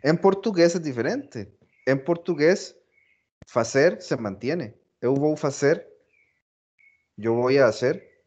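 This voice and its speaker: A man teaching a philology class, explaining slowly, repeating phrases and stressing example words. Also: fairly high pitch, animated, darkish tone, husky, dull audio. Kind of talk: recorded class lecture.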